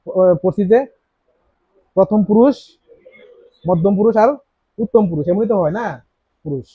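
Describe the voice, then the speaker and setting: Male tutor, high pitch, keeps firing questions at the class, dry room. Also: normal speed, slightly rough, no echo. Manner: asks students many rhetorical questions; repeats key words. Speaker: teacher. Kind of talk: classroom grammar lesson. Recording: dry, slightly dull lo-fi sound.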